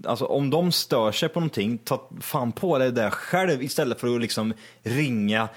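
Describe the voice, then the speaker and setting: Young male co-host, loose and profane, rambling storyteller. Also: medium pitch. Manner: rambling, swearing, laughing storyteller. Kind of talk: casual crude banter.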